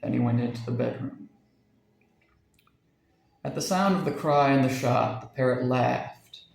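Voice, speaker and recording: Gravelly man reading a dark story. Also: mid-range voice, measured pace, echoey room, poor audio. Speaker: story narrator.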